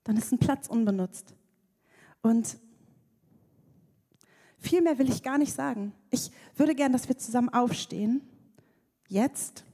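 A woman preaches with a slightly high, lively voice, slipping into playful acted voices now and then. Her sermon rings through a large hall with a long reverb. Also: a little slow, long pauses, breathy edge.

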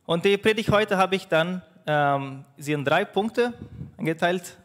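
This Portuguese-speaking pastor's voice sits high and fairly bright, trailed by a long reverb as he delivers his sermon. His speech halts often, with phrases restarted and padded by fillers.

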